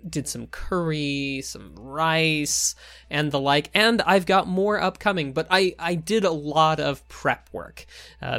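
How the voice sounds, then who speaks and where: A man's voice: a little high, a bit bright, no room sound. A man co-hosting a podcast in casual chat, explaining things in a hesitant, rambling way. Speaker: podcast co-host.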